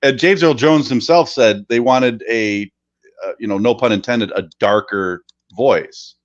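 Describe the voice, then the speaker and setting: A man's voice: mid-range voice, a little slow, lo-fi sound. A man co-hosting a podcast, chatting casually with jokey, rambling asides. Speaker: podcast co-host.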